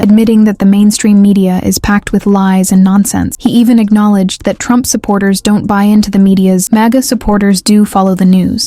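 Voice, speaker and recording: A woman reading a combative commentary voice-over. Her voice is warm and mellow, recorded very dry and close. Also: mid-range voice, no echo. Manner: confident, combative, persuasive. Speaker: commentary narrator. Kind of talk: scripted political commentary voice-over.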